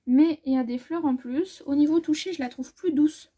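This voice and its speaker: A woman sewing vlogger chatting casually through a fabric haul, rambling and correcting herself as she measures, often trailing off softly. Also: sits high, moderate pace. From France.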